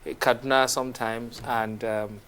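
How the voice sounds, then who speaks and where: A Nigerian man hosting a studio discussion on a morning TV show, asking questions with animated, halting restarts. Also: mid-range voice, a little hiss or hum.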